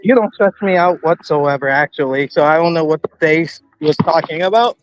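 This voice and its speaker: A young man chatting casually on a stream, rambling and halting with lots of fillers. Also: a little high, lo-fi sound.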